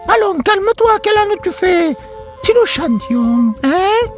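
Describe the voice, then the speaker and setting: A woman's voice: very high voice, very animated, slow, faint music behind, full character voice. A woman voicing a small, cheerful female frog who teases and coaxes, tagging questions onto her lines. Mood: coaxing. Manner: teasing, ends lines with a questioning "hein". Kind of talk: storybook acting over music.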